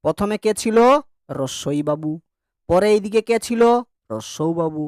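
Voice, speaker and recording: A man's voice: fairly high pitch, animated, unhurried, mellow, no echo, clean studio sound. A man teaching an online grammar class, chatty and joking as he drills vowel sounds with his students.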